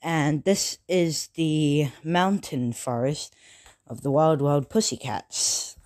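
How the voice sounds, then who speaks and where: A casual narrator talking through a homemade fan story. The delivery is slow and halting, with frequent fillers and restarts. The voice has a mellow, dark tone and sits at a middling pitch. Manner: halting, many fillers and self-corrections. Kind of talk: casual spoken story retelling.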